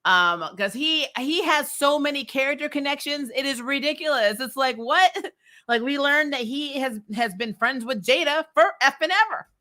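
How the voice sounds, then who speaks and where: A woman hosting a comics TV recap show gives livestream viewers a casual, opinionated rundown, speaking bluntly, swearing, and laughing often. Her high voice is expressive and sharp in tone, at a normal speed.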